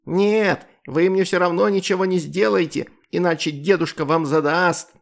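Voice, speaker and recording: A man voicing a small horned male imp, high and strained. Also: normal speed, natural voice. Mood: defiant.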